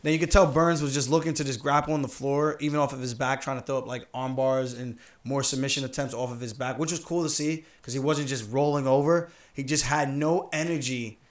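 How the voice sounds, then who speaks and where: Brief: upbeat man from New York, quick talker, roomy echoey room. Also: medium pitch, steady tone. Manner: quick, upbeat, laughing storyteller. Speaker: podcast host and fighter. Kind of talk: casual chat. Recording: roomy echo.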